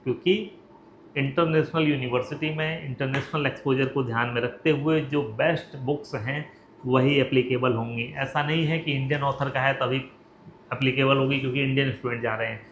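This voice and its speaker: A man's voice: mid-range voice, steady tone, moderate pace, a bit bright. A man answering questions, lo-fi. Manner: direct, reassuring, poses questions then answers them. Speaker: education consultant. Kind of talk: explanatory talk to camera. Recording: roomy, dull lo-fi sound with faint hiss.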